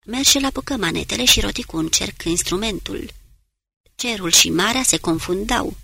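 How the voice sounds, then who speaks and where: A woman narrating an audiobook in a steady, measured reading voice. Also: medium pitch, vocal fry, breathy edge, dry recording. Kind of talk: scripted narration.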